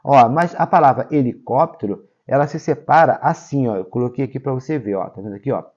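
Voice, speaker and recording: A Brazilian man teaching a grammar lesson for exam preparation, explaining step by step and checking in often with "tá?" and "ok?", stressing key words with sudden jumps in pitch and loudness. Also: a little fast, dull audio. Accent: Brazilian Portuguese.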